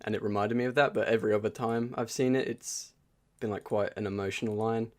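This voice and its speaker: Male co-host, low-pitched, earnest and relaxed, swears in passing. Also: fast. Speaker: podcast co-host. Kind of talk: casual chat.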